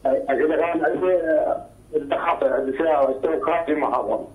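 A man calls in over a weak phone line, so his voice comes through muffled, tinny and distant. He talks in halting, repeated pieces because the signal is bad, and his voice sits a little high. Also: steady tone. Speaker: caller. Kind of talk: call-in question.

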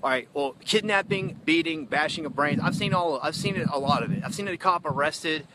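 A man's voice: fairly high pitch, a little fast, very noisy. A man ranting in an emotional phone livestream, heated and accusatory, rambling with many asides. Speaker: citizen activist livestreaming.

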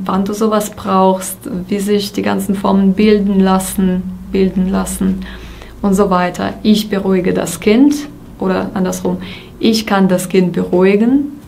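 Creaky-voiced woman teaching German grammar. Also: medium pitch, warm tone, a little hiss or hum. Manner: slow, deliberate example sentences, repeated twice. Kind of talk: grammar lesson.

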